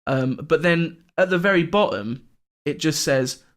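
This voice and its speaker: A man's voice: on the high side, unhurried. A young man co-hosting a casual podcast, laughing often and swearing as he reads out odd news stories. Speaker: podcast co-host.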